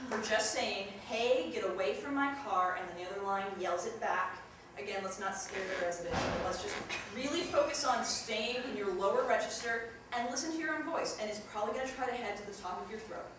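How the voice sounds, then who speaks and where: A young woman runs an acting workshop, chatting through tips and jumping into demonstrations. She is picked up from across a big room, so her voice rings with heavy echo. A steady hiss of noise sits under the whole recording. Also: medium pitch, a little fast. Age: young adult. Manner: chatty, demonstrative, jumps into loud yelled examples. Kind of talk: teaching a theatre workshop. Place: large echoey room. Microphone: distant camera mic. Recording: echoey room from far off, noisy.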